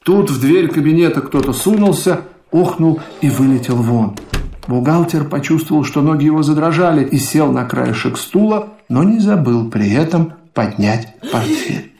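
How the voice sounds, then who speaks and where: A man narrating a literary radio play in a measured, expressive storytelling manner. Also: on the high side, reverberant. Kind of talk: literary narration in an audio drama.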